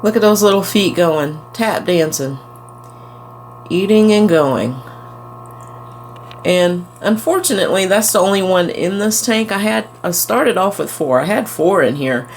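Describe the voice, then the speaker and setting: Low-voiced chatty woman with a twang. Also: slight background noise. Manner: chatty, fond and relaxed narration. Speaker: aquarium vlogger. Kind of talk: casual chat. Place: indoors at home by a fish tank.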